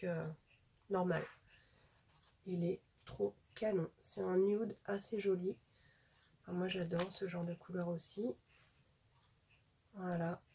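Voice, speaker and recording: A woman's voice: on the low side, dark tone, a little hiss or hum. A woman chatting casually as a beauty vlogger showing off her haul, hesitating often with fillers. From France.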